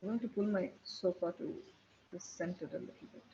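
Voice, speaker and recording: A man presenting a live software demo in a webinar, talking himself through each step as he clicks. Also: sits high, brisk. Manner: thinking aloud while clicking through a tool. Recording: dull lo-fi webinar audio with faint hiss.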